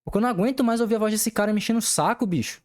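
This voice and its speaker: A man's voice: high voice, very fast. Young male podcast host, angry venting monologue, heavy swearing.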